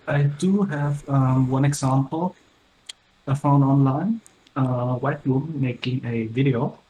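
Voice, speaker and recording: A man's voice: medium pitch, warm tone. Male debater, hesitant, robotic metallic mic sound, roomy echo. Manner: halting, many fillers and restarts. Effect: robotic, metallic-sounding microphone. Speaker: debate participant. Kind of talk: casual online debate. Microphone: laptop microphone. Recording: echoey with faint noise.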